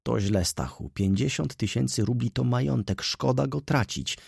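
A man's voice: medium pitch, lively intonation, moderate pace, gravelly, a little mellow, husky, no echo, pitched above the performer's own voice, full character voice. An older man's voice, read by a man voicing a cautious old head clerk in an audiobook who speaks dryly and hesitantly. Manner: dry and hesitant.

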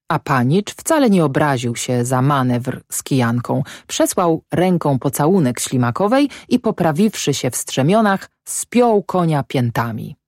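Low-voiced expressive woman narrator. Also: dry recording, clean studio sound. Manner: expressive storytelling. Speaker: audiobook narrator. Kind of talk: scripted narration of a classic novel.

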